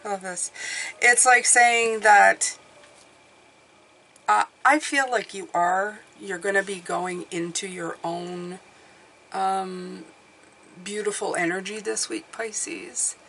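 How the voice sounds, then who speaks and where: A woman giving a casual mystical horoscope card reading as a tarot reader, musing and pausing as she thinks aloud, indoors at a table. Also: mid-range voice, fairly even intonation, vocal fry, slight background noise, poor audio. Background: soft classical music.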